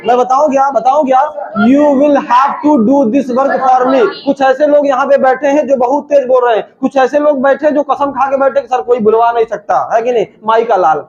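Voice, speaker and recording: Classroom English teacher, man, very high voice, loud joking drills, dull lo-fi room recording with students in the background. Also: fairly even intonation, quick pace, hardly any pauses, some chatter behind. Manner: shouts drills, jokes with students.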